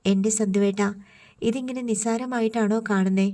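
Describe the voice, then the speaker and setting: A woman voicing an emotional, sharp-tongued young woman who speaks reproachfully and teases in an audiobook. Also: mid-range voice, steady tone, moderate pace, lightly acted. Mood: upset.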